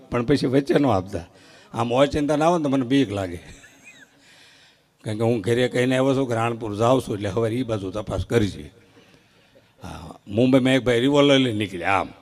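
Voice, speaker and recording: Casting note: male stand-up, mid-pitched, animated live joke-teller. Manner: animated joke-telling, acting out short quoted exchanges. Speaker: stand-up comedian at a folk stage show. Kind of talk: live comic storytelling on stage. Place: live outdoor stage event before an audience.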